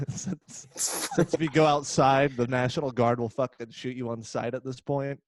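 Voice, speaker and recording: A man's voice: mid-range voice, steady tone, normal speed, no room sound. A man hosting a casual podcast over a video call, sarcastic and swearing freely. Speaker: podcast host.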